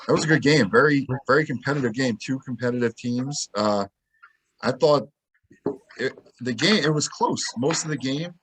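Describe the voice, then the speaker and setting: A man co-hosting a sports podcast, telling game stories in a lively, casual way and acting out what people said. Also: mid-range voice, moderate pace, breathy edge. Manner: animated storytelling, acts out quotes. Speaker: podcast co-host.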